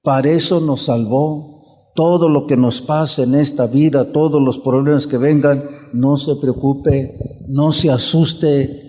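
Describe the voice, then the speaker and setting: A man's voice: medium pitch, fairly even intonation, a little slow, warm tone, in a large hall. A Mexican man preaching a sermon, urging his listeners and acting out the people in his stories. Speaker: pastor. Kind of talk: sermon with storytelling.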